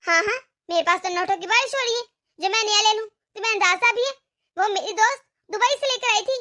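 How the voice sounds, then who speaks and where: A woman's voice: extremely high pitch, brisk, bright, forceful tone. A woman voicing a bold, demanding young working wife in a cartoon, with a bossy manner. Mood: angry. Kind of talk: cartoon voice acting.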